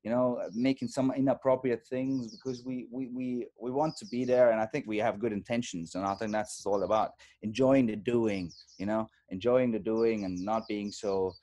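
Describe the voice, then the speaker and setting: A man from Germany in his thirties, a native German speaker giving a thoughtful, halting interview with many fillers over a video call. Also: on the low side, fairly even intonation, mellow. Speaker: actor guest.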